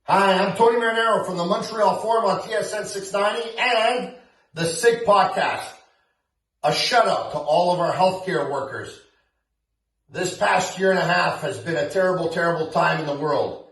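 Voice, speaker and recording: A radio host gives an earnest, grateful introduction for a charity show. His voice sits fairly high. He sounds set back from the microphone in a very echoey space. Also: normal speed, fairly bright tone. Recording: very echoey, distant from the mic.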